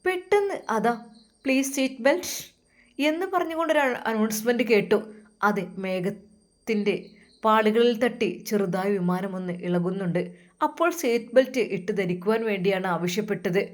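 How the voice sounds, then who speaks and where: A woman's voice: medium pitch, normal speed. A woman narrating an emotional religious story in a dramatic, heartfelt manner, with pious interjections.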